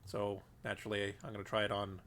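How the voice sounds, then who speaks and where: Talking fast in a completely flat delivery, a man with a lowish, slightly bright voice gives casual commentary on his game. He's congested and rambles with lots of fillers, recorded on a desk microphone.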